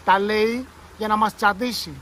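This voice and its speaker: A man voicing a boastful, quick-tempered young boy in a read-aloud story, speaking loudly. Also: high voice, expressive, a little hiss or hum, voice pushed up. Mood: indignant. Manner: loud, boastful.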